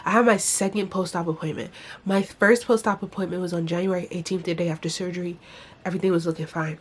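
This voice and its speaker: Congested, husky young woman vlogging. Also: fairly low pitch, steady tone, fast talker. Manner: candid, complaining, informal with mild swearing. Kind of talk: casual personal vlog to camera.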